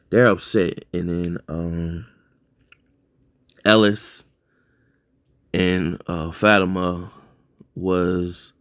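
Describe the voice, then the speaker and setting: A man's voice: deep voice, dry recording, studio quality. A man casually recapping a TV episode, rambling loosely with lots of fillers and self-corrections.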